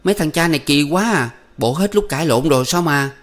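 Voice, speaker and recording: Man voicing a panicky girl, high and pushy, kinda far off. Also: normal speed, close to an everyday voice. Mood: pleading. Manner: high pleading put-on woman's voice. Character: frantic young woman, pleading and shrill.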